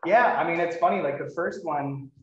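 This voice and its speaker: A man's voice: on the high side, normal speed, a little hiss or hum. A man chatting casually as a podcast host, in a hesitant, rambling, self-deprecating way. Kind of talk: casual chat, hosting an interview podcast. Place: indoors, in-person podcast recording. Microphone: microphone at some distance, no windscreen. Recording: echoey room, distant mic, dull sound.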